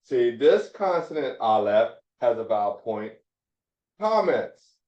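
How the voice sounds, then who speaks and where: A man teaching a Hebrew phonics class, explaining slowly and repeating his points as he writes on a board. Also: medium pitch, big pitch swings, a little mellow. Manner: slow, repeats points, restarts mid-sentence. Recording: echoey room, dull lo-fi sound.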